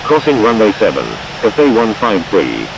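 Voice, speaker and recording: Low-pitched man, lively pilot radio readbacks. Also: normal speed, creaky. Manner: formulaic, clipped readbacks. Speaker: pilot on air traffic radio. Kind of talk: aviation radio phraseology in a flight simulator. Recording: noisy simulated radio traffic.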